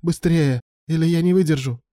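A man voicing an emotional young male lover who pleads and shouts in a raised voice. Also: normal speed, no room sound, studio quality, close to an everyday voice. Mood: pleading. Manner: high-pitched, pleading then shouting.

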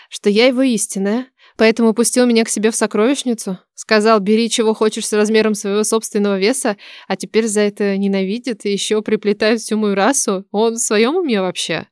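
A woman reads a first-person fantasy audiobook with lively, expressive storytelling. Her voice sits at a middle pitch and sounds dry and close, with no room echo. She carries the tale with feeling from line to line. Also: clear, resonant tone. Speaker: audiobook narrator.

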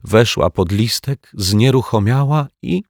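A man voicing a tearful little girl who sniffles and speaks in a high, plaintive way. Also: animated, takes it slowly, no room sound, studio quality. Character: weepy little girl mourning her caterpillar.

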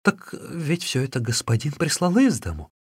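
A man's voice: fairly high pitch, big pitch swings, normal speed, slightly rough, no room sound, studio quality, voice pushed up, heavily acted. A man voicing a servile, bowing male tavern keeper who speaks in an obsequious, pleading way, in a storybook reading. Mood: fawning.

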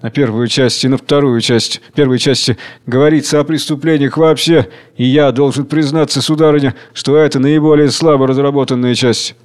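A man's voice: medium pitch, steady tone, a little fast, few pauses, a little mellow, lightly acted. A man voicing a pompous male law professor lecturing pedantically in a read-aloud play. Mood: pedantic.

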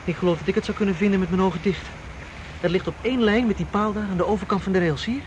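In a naturalistic radio drama, a man voices a self-assured, tense getaway planner, giving clipped instructions at a very fast clip. His voice is high-pitched and lightly acted, captured on a dull, noisy recording.

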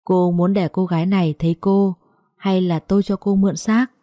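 A woman voicing an old village spirit medium who gives flat, unhurried instructions. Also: fairly low pitch, dry recording, studio quality, natural voice. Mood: calm.

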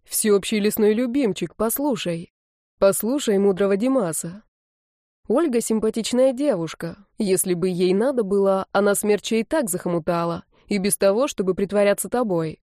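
A calm, mocking young male student with a mellow, warm tone, as a woman reads him aloud. He speaks unhurried and dry, recorded close with no room sound. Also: medium pitch, no room sound, lightly acted. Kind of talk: audiobook reading.

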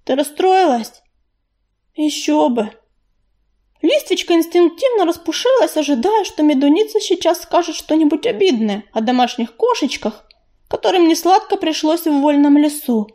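Woman audiobook narrator, high, mellow tone, calm and expressive. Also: normal speed. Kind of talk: scripted narration.

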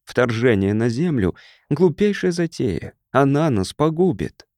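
Stubborn bookish martian man, weary and defiant, read by a man, lively pitch, storybook. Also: a little slow, dry recording, clean studio sound.

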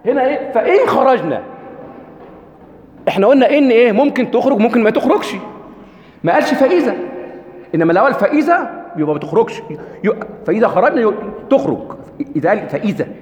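A man's voice: sits high, expressive, fast, long pauses, a little mellow. A man with an Egyptian accent giving a religious lecture, constantly asking the audience rhetorical questions. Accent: Egyptian Arabic. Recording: echoey hall with long reverb.

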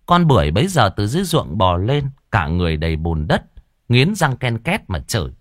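Male storyteller, low and expressive, dry studio sound. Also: a little fast, dry recording. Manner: lively, vivid narration. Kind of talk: dramatic comic storytelling.

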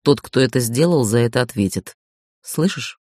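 An audiobook reader voicing a stern, commanding young man, speaking low and clipped. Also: expressive, normal speed, a little mellow, no echo, studio quality, close to an everyday voice. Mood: threatening. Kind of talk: audiobook character voice.

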